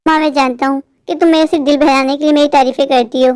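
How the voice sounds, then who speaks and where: A lovestruck young male crow, voiced by a woman in a cartoon, eager and a little anxious as he pleads. The voice sits very high. The recording is dry and close. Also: fairly even intonation, fast talker, darkish tone, dry recording, close to an everyday voice. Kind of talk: cartoon voice acting.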